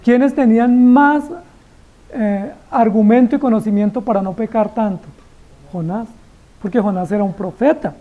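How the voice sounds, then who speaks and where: A woman's voice: on the high side, moderate pace, phone-quality sound. A woman preaching an expository sermon, dramatically acting out biblical dialogue and firing rhetorical questions at the congregation.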